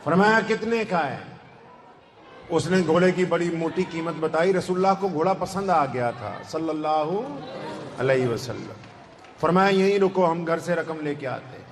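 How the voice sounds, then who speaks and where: A man's voice: a little high, slight background noise. A man with a Punjabi accent preaching a sermon at a shrine, telling a story with fervent, rising emphasis. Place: large shrine courtyard. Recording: long hall reverb, faint ambience.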